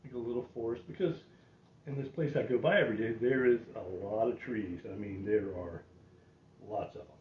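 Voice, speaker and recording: A man's voice: lowish voice, fairly quick, recorded from a distance. Older man muttering in a roomy space. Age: 60s. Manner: folksy, self-deprecating, muttering to himself. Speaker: painting demonstrator. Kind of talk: casual painting tutorial, talking while working. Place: small curtained indoor painting space. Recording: roomy, dull sound with faint noise.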